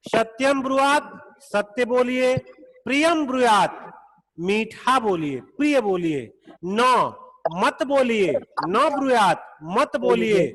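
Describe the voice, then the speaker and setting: A man teaching a Sanskrit class over a video call, explaining slowly and patiently, repeating each point. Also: extremely high pitch, expressive, a bit bright. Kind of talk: online class lecture. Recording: long echoey reverb.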